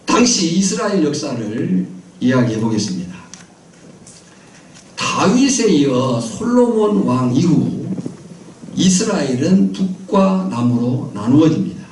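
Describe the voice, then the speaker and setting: High-voiced Korean pastor in echoey church. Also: male voice, big pitch swings, takes it slowly, pauses often, darkish tone, a little hiss or hum. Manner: quizzes the congregation with call-and-response questions; repeats key phrases in a rhythmic list. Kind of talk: sermon. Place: small island church. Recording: echoey church sound from a distant mic.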